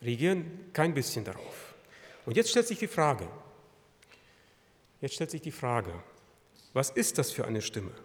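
A man preaching a sermon to his congregation, swinging between loud emphatic peaks and quiet low phrases and repeating lines for emphasis. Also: big pitch swings, a little slow, pauses often. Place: church hall. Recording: long hall reverb.

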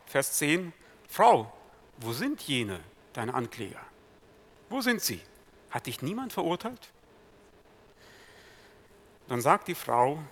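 A male preacher delivering a sermon with a bright, somewhat high voice. His pitch is highly animated, rising on emphatic declarations and dropping to hushed, whispered quotes. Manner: dramatic swings from loud to hushed, quoting Jesus slowly.

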